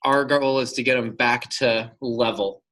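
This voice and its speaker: A man's voice: medium pitch, fairly even intonation, measured pace, a bit bright. A man leading a group sales training, trading jokes and sarcasm with the group before giving upbeat instruction. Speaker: sales team leader running a training.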